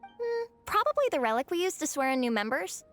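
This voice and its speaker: A woman voicing a supportive young woman in a fan club, calm and encouraging. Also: sits high, fairly quick, dry recording, faint music behind. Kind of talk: game dialogue.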